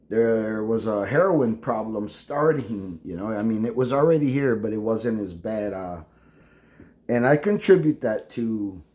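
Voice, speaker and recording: A man, speaking in a halting personal monologue full of restarts. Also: lowish voice, darkish tone. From El Paso, Texas. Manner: halting, with many restarts and fillers. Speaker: veteran vlogger.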